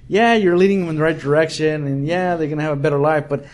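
A man's voice: fairly high pitch, quick pace, a little mellow. A man interviewing restaurant owners in a casual, rambling way, with many restarts, in a small restaurant.

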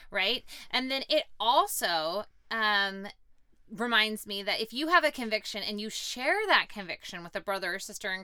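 A woman co-hosting a casual faith podcast, chatty and quick to laugh, thinking aloud as she talks. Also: medium pitch, pushed and bright, clear, resonant tone, dry recording. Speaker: podcast co-host.

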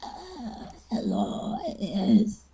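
A woman voicing an old translator with a creaky, very old, faint voice and halting delivery. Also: medium pitch, wildly swooping pitch, dark tone, a little hiss or hum, pitched above the performer's own voice, heavily acted.

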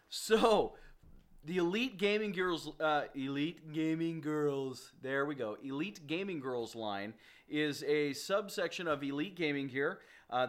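High-voiced, jokey male podcast host. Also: fairly bright tone. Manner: laughing, joking, promo-style hype. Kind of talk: casual podcast chat.

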